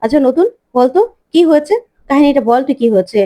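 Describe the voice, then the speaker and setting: A woman's voice: high-pitched, animated, fast, mellow. A woman voicing a blunt older brother figure who demands answers in a story recap. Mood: demanding.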